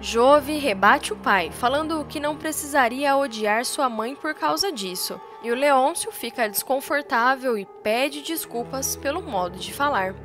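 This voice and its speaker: A woman's voice: sits high, lively intonation, unhurried, few pauses, a bit bright. Woman narrating a soap-opera recap. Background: faint music.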